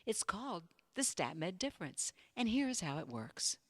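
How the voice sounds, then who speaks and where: A woman narrating a scripted promotional infomercial in a polished, measured sales-pitch manner. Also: big pitch swings, dry recording, clean studio sound. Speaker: commercial voice-over announcer. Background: music bed.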